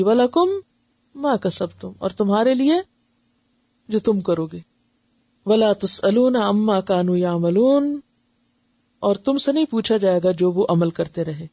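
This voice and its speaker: A woman teaching Quran recitation and tajweed, patiently explaining each point and demonstrating letter sounds slowly, often checking that listeners follow. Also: a little high, warm tone, no room sound. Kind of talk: tajweed lesson with translation. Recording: dull dry lo-fi recording.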